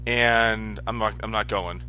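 A man's voice: fairly low pitch, steady tone, unhurried, bright, forceful tone, faint music behind, low-quality recording. A man in his forties chatting casually, rambling and correcting himself as he goes. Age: 40s. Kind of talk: casual chat.

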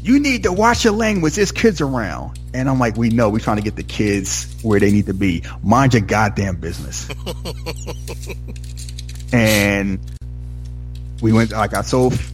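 Low male voice, casual podcast co-host, candid and animated, light music bed. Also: unhurried, pauses often. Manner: animated, candid, swears freely. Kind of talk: casual storytelling chat.

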